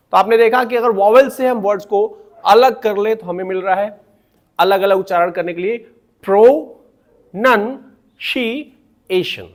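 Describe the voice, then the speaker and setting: A man teaching pronunciation, explaining syllables patiently and spelling out words slowly. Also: high voice. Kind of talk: classroom-style explanation.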